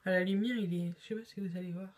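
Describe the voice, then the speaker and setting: A woman's voice: mid-range voice, steady tone, fast talker, a little mellow. Chatty woman showing beauty buys. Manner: chatty, many hesitations. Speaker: beauty vlogger. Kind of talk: casual haul video.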